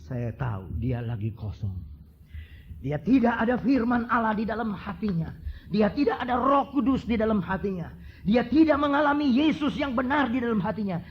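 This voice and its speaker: High-voiced preacher telling stories. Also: male voice, animated, normal speed, lo-fi sound. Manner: storytelling, swings from hushed asides to fervent repetition. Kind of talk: sermon.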